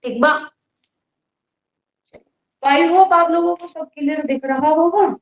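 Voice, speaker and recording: A woman's voice: sits high, takes it slowly. A young woman teaching a casual live online class, chatty and teasing with her students, with a cold and a cough. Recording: roomy, dull lo-fi sound.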